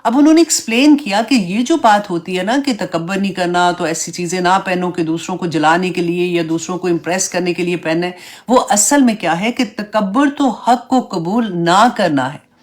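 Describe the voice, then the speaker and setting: Woman teaching a chatty religious class. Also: fairly low pitch. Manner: conversational, mixes English words into Urdu; explains step by step, asks "right?" and "na?". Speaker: Islamic teacher.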